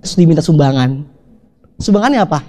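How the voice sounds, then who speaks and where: A man with a high voice gives a motivational seminar talk. His pitch leaps up and down as he teases the crowd, and he slips into quick voices to act out small scenes between people. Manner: animated, acts out little dialogues in changing voices; joking, teasing the audience. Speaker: motivational speaker.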